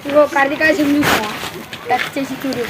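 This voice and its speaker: A teenage boy in a street quarrel, excitable and pleading with his friends to calm down. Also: very high voice, fairly quick. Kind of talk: heated street argument. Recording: loud traffic noise outdoors.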